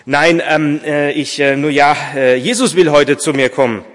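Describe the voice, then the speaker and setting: A man reading aloud as a kind old shoemaker, gentle and eager, with hesitant fillers, in a reverberant church. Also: mid-range voice, expressive, moderate pace, pitched above the performer's own voice. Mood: kindly. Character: kindly old male shoemaker, warm and hopeful.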